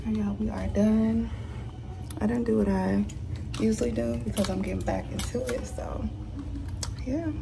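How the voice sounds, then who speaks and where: Chatty young woman with a gravelly edge. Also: medium pitch, fairly even intonation, normal speed, long pauses, background noise. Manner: chatty, rambling, self-correcting. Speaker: vlogger. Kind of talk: casual get-ready-with-me vlog talk. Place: bedroom at home, then a gym locker room.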